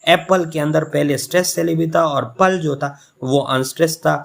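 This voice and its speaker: A man's voice: fairly high pitch, moderate pace, creaky. A man from Pakistan, an English literature professor, giving a recorded lecture and explaining patiently by restating points and repeating example words.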